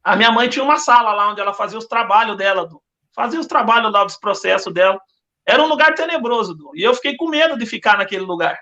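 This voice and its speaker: A man's voice: high voice, expressive, quick pace, pushed and bright. Brazilian guy telling his faith story on a podcast, earnest and repetitive, kinda muffled audio. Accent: Brazilian Portuguese. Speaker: podcast guest. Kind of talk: religious testimony.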